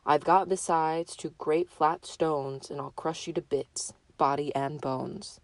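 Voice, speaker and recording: A big, heavy billy goat from a storybook answers with a hoarse, ugly voice, as a woman puts it on. He speaks slowly and defiantly, low in pitch. The recording is dry and close. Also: steady tone, no room sound. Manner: slow, defiant.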